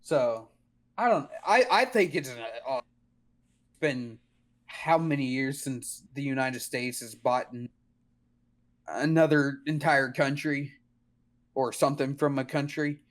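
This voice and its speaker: A man's voice: medium pitch, slow pace, pauses often. A young man co-hosting a podcast, chatting casually in an informal, slangy and somewhat hesitant way. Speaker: podcast co-host. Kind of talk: casual chat.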